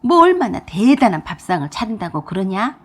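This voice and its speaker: A woman voicing a stubborn older mother-in-law who nags loudly and shrilly. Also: big pitch swings, brisk, breathy edge. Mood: nagging. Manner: loud, shrill nagging.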